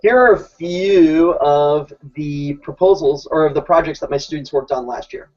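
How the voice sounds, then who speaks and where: In a casual, informal presentation, a male teacher describes how his classroom works and frequently starts his sentences over. His voice is on the high side with a darkish tone, at normal speed, captured on a dull lo-fi recording.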